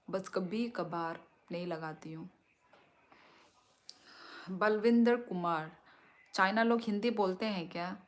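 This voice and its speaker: A young woman from Tripura in northeast India, a native Kokborok speaker, chatting slowly on a live stream as she reads viewer comments aloud and answers them. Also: on the low side.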